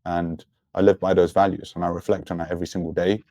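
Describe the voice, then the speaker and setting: Young guy on a podcast, low voice, reflective and sincere, close dry sound. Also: little pitch movement, fast talker, dark tone, dry recording. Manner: earnest, introspective. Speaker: podcast guest. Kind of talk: personal, reflective interview talk.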